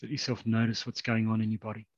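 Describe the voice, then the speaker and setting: A man leading a guided meditation in a slow, soft, calm way with long pauses. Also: on the low side, no room sound, highs cut off.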